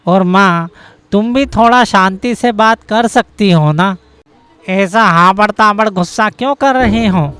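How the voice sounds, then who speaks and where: A voice actor playing a hot-tempered young husband in a cartoon story, blustering and quick to rage. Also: mid-range voice, fairly bright tone, smooth, no echo, lightly acted. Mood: soothing. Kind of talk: cartoon voice acting.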